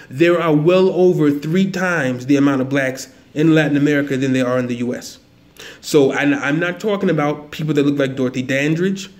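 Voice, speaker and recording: A man giving an earnest, emphatic monologue to his video audience, often rephrasing and softening his points. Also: a little high. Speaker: video blogger. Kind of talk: casual monologue to camera.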